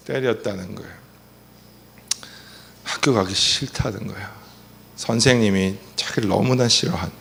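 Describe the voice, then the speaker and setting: A man's voice: mid-range voice, vocal fry. A middle-aged man giving a family seminar lecture, telling personal stories with animation and putting questions to the audience.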